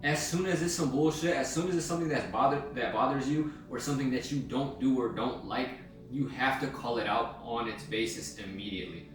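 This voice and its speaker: Young male vlogger, mid-pitched, blunt and profane, recorded off-mic in a live room with music underneath. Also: brisk. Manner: blunt, slangy, swears freely. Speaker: self-help vlogger. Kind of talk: casual motivational monologue. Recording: very echoey room, mic at a distance, music behind.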